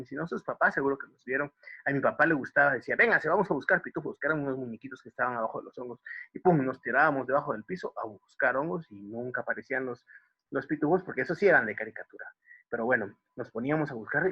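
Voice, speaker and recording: A Guatemalan man, a writer, gently telling stories to children over a video call, asking them questions and repeating words for emphasis. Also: medium pitch, husky, highs cut off. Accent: Guatemalan Spanish. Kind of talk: storytelling for children.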